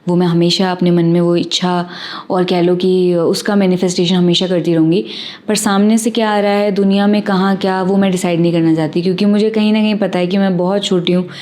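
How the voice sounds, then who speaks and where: A woman's voice: on the low side, little pitch movement, fairly quick, darkish tone. A woman with an Indian accent talking to camera in an earnest, thoughtful way, slipping English words into her Hindi. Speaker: self-help vlogger. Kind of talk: reflective casual talk to camera.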